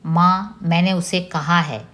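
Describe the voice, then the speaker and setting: A woman voicing a stubborn boy who refuses to give in and leans on every word. The voice sits low and moves slowly and deliberately. It is a read-aloud storybook scene. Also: fairly even intonation, fairly bright tone. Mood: defiant. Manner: insistent, pressing each word. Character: stubborn, hurt boy who defies his family.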